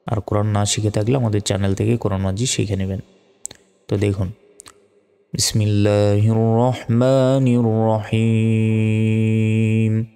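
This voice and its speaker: A man with a Bangladeshi Bengali accent teaching Quran reading, patiently spelling out syllables and then reciting the verses in a drawn-out way. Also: on the low side, flat delivery, vocal fry, warm tone, big-room sound. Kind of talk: slow spelled-out recitation lesson.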